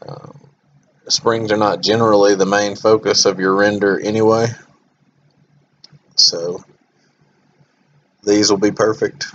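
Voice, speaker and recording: Man, monotone, flat delivery, screen-recorded tutorial, dull recording. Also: lowish voice, a little hiss or hum. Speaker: software tutorial host.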